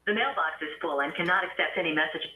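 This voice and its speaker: A woman's recorded voicemail announcement with a measured, even delivery, heard over a phone line. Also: on the low side. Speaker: automated voicemail prompt. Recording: tinny echoey phone line.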